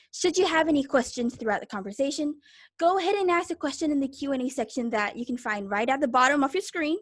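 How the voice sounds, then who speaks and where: A young woman with a high voice hosts a live online show. She is upbeat and chatty, speaking directly to her audience. The sound comes through a video call microphone. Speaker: host. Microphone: video call mic.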